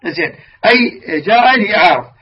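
A man teaching the rules of Quran recitation, stretching example words out slowly and asking his listeners questions he answers himself. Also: high voice, animated, slightly rough. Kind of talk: religious lesson on recitation rules. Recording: distant, dull lo-fi mic with faint noise.

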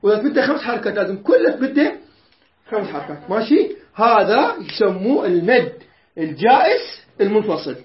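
A man teaches the rules of Quran recitation in a patient tajweed lesson. He keeps asking his students questions and slowly chants the verses he explains. The recording is dull and lo-fi, with a roomy echo. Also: high voice, very animated. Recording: echoey room, dull lo-fi sound.

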